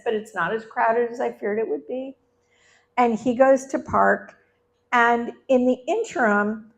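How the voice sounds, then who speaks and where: A middle-aged woman telling a personal story to a live audience, chatty and conversational with laughing asides. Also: a little high. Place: live event venue.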